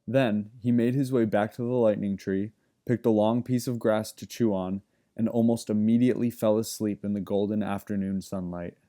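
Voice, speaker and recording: A man reading a fantasy novel aloud in calm, even narration. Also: on the low side, moderate pace. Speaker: audiobook reader. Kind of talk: scripted narration.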